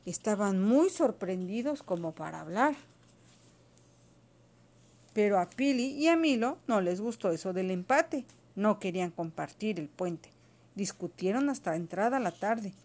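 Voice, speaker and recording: A woman reading a children's storybook aloud to a child, expressive and patient. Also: medium pitch, unhurried.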